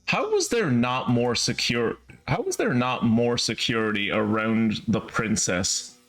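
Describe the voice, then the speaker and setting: Animated man streaming a game. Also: mid-range voice, unhurried. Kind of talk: casual live game commentary.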